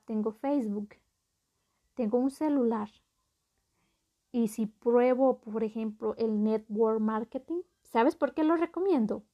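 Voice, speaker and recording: A woman's voice: a little high, muffled recording. A woman hosting a motivational podcast, talking straight to the listener as a friend and repeating phrases for emphasis. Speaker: podcast host.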